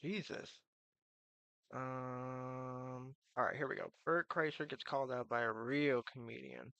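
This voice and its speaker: A man live streaming in casual, rambling chat, with slurred, toothless articulation and a halting, meandering way of talking. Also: medium pitch, fairly even intonation, creaky, bright, forceful tone, dry recording.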